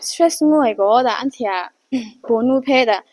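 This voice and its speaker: A woman giving an unhurried talk, often pausing and hesitating. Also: fairly high pitch, lively intonation, no echo.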